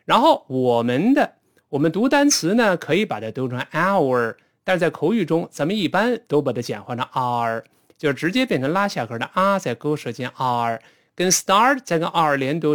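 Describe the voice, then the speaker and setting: Lively man teaching English pronunciation. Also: fairly high pitch. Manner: patient, explanatory, models English phrases slowly. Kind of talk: spoken English lesson.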